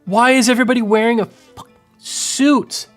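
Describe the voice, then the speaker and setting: A man in his thirties doing casual livestream commentary from home on a boom mic, rambling and animated, full of fillers. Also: normal speed, faint music behind. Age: 30s. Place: home room. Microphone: studio mic on boom arm.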